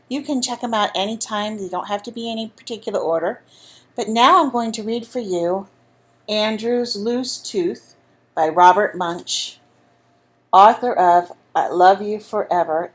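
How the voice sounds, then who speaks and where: A woman reading a picture book aloud to children in an animated, friendly way. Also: mid-range voice. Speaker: storyteller for children.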